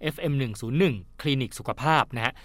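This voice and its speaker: A man's voice: mid-range voice, quick pace, fairly bright tone, no echo. A man hosting a radio health show, politely reading out listener questions and chatting with the guest. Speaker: radio host.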